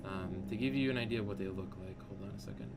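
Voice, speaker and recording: A man acting as game master, improvising casual, halting narration for a tabletop game. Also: low voice, gravelly, over loud music.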